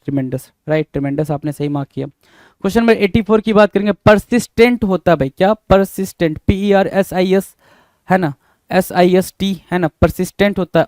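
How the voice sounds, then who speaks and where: A man's voice: sits high, darkish tone, no room sound. A young man, teaching a spelling lesson and spelling words out letter by letter. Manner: repetitive, drawn-out and emphatic, often calls listeners bhai.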